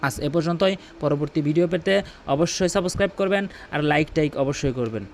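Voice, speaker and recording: A man teaching Quran recitation in a lesson, explaining each sound and then chanting the verse slowly. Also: on the high side, slight background noise.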